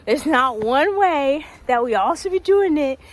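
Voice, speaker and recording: A young woman talking casually while walking a quiet wooded trail in winter, a little out of breath, with many ums. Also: high-pitched, expressive, measured pace. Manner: chatty, laughs often, many ums. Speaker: vlogger.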